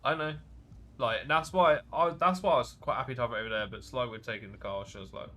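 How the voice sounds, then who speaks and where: A man streaming a role-play game, chatting casually in a relaxed, matter-of-fact way. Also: mid-range voice, racing.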